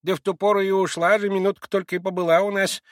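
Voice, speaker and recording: A man's voice: sits high, flat delivery, quick pace, dry recording, clean studio sound, pitched above the performer's own voice, lightly acted. A fussy old servant woman, as a male reader puts her on. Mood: chattering. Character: frightened old female servant.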